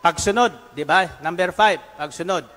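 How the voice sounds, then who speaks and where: A male preacher works the congregation with emphatic, call-and-response preaching. His voice sits high for a man, and it rings through a large hall with long reverb. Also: normal speed, a bit bright.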